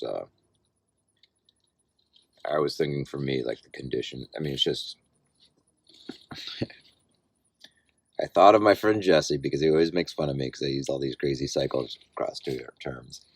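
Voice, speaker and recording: A vlogger and amateur cyclocross racer in his forties records a casual outdoor video diary, tired and sore. He rambles in a laid-back, self-deprecating way. His voice is a rumbling low, creaky and slightly rough, with no echo.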